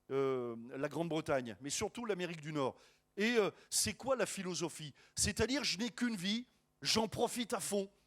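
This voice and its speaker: A man preaching a sermon as a pastor, lively and joking, with many restarts and asides to the congregation. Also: sits high.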